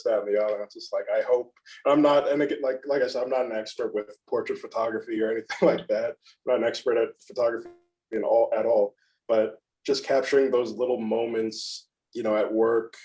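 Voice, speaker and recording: A young man in a casual interview who talks in a soft, monotone, modest way, often playing himself down. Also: medium pitch, low-quality recording. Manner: soft-spoken, modest, self-deprecating. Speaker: guest photographer.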